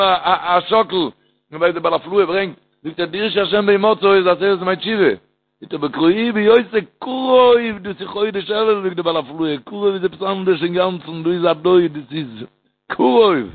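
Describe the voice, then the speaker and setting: A man delivers an animated storytelling sermon, swinging between loud calls and low murmurs and intoning prayer phrases in a singsong. The sound comes through a tinny, phone-like line.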